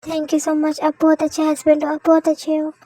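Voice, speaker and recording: A woman voicing a shy, grateful young wife who talks in a soft, sweet, pleading way in a fan audio drama. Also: high-pitched, monotone, fairly quick, natural voice.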